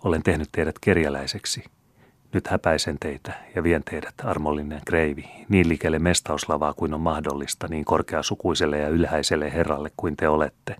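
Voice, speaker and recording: A man reading the part of a scheming, vengeful male steward, speaking with hushed, sneering false humility in an audiobook. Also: a bass voice, no room sound, studio quality. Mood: mocking. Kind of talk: audiobook character voice.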